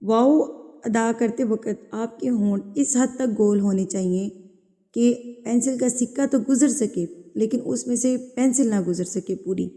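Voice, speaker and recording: Woman teacher w a mellow higher voice going over quran recitation slowly, lots of reverb. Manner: patient, repeats sounds and corrects mistakes. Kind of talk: tajweed lesson with slow demonstrated recitation.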